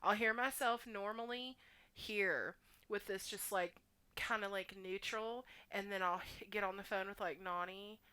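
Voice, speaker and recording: A woman's voice: mid-range voice, fairly even intonation, unhurried, sharp tone, clear, resonant tone, low-quality recording. A woman with a Texan accent, chatting and teasing as a podcast co-host. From Texas, USA. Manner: chatty, laughs easily, teasing. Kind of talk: casual chat.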